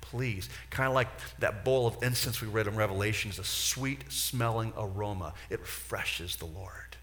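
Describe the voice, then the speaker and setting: A male pastor preaching a sermon with passion, swinging from loud urging to hushed, near-whispered pleading. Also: fairly low pitch, moderate pace.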